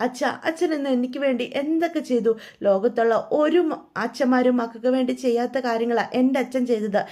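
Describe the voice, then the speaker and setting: A woman's voice: a little high, brisk, dark tone, close to an everyday voice. A woman voicing a grateful eldest son who speaks earnestly, in a storytelling recap. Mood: heartfelt.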